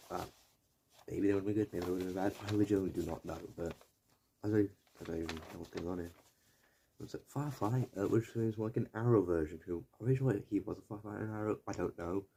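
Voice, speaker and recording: A young man talks through a video essay in loose, digressive commentary, stopping to correct himself and tossing in the odd swear word. His voice sits a little low and has a soft, mellow tone. A faint hiss of background noise runs under the recording. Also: gravelly. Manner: digressive, self-correcting, mildly profane. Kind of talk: rambling casual commentary.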